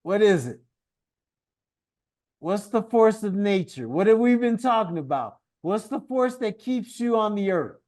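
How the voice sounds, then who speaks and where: A man's voice: sits high, very animated, measured pace, darkish tone. A man teaching a one-on-one science lesson, patient and encouraging, guiding his student with questions and praise.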